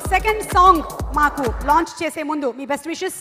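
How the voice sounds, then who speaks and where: A woman's voice: sits high, brisk, over loud music. A woman hosting a stage event in a polished, ceremonial manner on a handheld mic in a reverberant hall. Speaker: event anchor.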